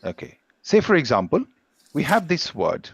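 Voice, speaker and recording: A man's voice: fairly high pitch, wildly swooping pitch, normal speed, creaky, slight background noise. A man teaching an English pronunciation class on a video call, explaining patiently with examples.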